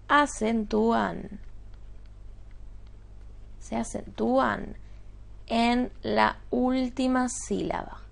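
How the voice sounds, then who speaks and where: Woman teacher, slightly high voice with gravel, measured lesson delivery, keeps checking the class understands. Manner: deliberate, checks understanding with quick questions. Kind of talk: spoken grammar lesson.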